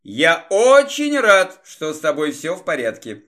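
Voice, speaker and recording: A man's voice: a little high, wildly swooping pitch, unhurried, a bit bright, full character voice. A man reading the lines of a brusque soldier leader in an audiobook, dry and teasing. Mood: wry.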